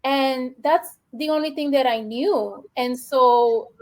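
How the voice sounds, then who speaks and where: A woman from the Bronx with a New York Puerto Rican accent speaks slowly in a high-pitched but darkish voice. As a guest educator in a conversational interview, she sounds earnest and reflective, peppering her talk with "you know" and "like."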